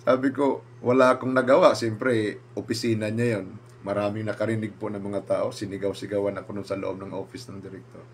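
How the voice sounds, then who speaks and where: A man's voice: fairly low pitch, a little fast, a little hiss or hum. A man, a pastor, telling a personal story and acting out what others said. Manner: animated, acts out quoted speakers with raised voice.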